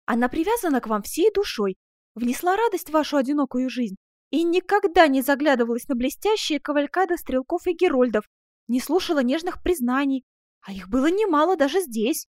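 A woman voicing a jealous, tearful young woman who pleads with her master in an audiobook, speaking high and emotionally. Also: lively intonation, brisk, no echo, clean studio sound. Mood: tearful pleading.

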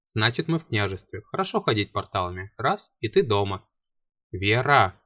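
A man narrates a fantasy novel in the first person, with a wry, lively telling. His voice sits low. The sound is dry and close, with no room echo. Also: fairly quick. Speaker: audiobook reader.

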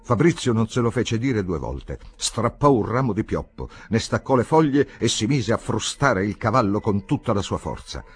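A man reading a classic novel aloud as an audiobook, with an expressive, measured storytelling manner. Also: on the low side, breathy edge, dry recording. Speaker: audiobook reader.

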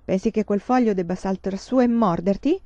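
A woman reading a gentle pioneer father. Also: mid-range voice, moderate pace, no room sound, dull audio, natural voice. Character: kind fatherly pioneer dad, middle-aged man.

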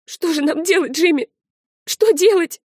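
A woman's voice: high voice, fast talker, a little mellow, no room sound, studio quality, pitched above the performer's own voice, close to an everyday voice. A woman reading an audiobook, voicing a panicked fourteen-year-old girl in an urgent, pleading voice. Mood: urgent, shaken.

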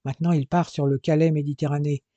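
A man's voice: fairly high pitch, level tone, fast, dark tone, no echo, lo-fi sound, close to an everyday voice. A man voicing a seething, scheming adventurer. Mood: urgent. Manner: urgent, growling.

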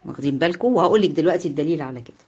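In a muffled recording, a woman with an Egyptian Arabic accent teaches Islamic jurisprudence online, her low, mellow voice expressive, rapid-fire and slightly breathy. She quizzes her class, supplies the answers on her own, and goes over the key ideas again.

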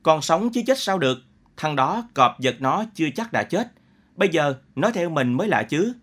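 A man voicing a bitter one-eyed middle-aged peasant in a read story, with loud, emotional outbursts. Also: on the high side, lively intonation, normal speed, breathy edge. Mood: scornful.

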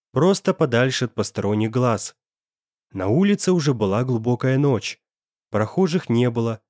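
Man narrating an audiobook, lively. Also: mid-range voice, no room sound, clean studio sound. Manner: expressive storytelling. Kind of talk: audiobook narration of a romance novel.

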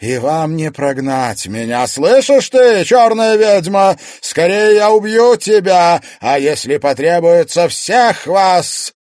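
A man's voice: fairly high pitch, lively intonation, unhurried, darkish tone, no echo, clean studio sound, voice pushed up. A male reader voicing a vengeful female ghost who has possessed a girl, mocking and screaming at the people around her. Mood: furious.

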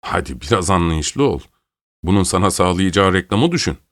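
A man's voice: deep voice, animated, normal speed, dry recording, clean studio sound. A man voicing a bossy male fight promoter who talks in a blunt, coaxing way.

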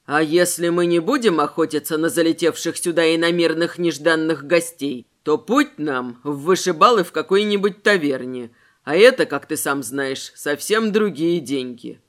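A woman voicing a calm, sensible young man who speaks matter-of-factly in a lowered voice. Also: moderate pace, natural voice.

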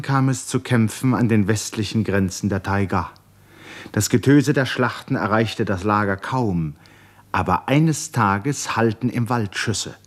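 A man with a low, deep voice narrating an old radio drama. He tells the story in a measured, grave way, with the even, careful delivery of a studio reading.

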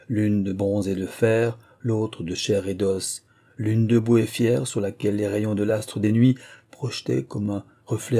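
Male narrator, measured literary read, dark and husky, a touch low. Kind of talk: scripted narration of a historical tale.

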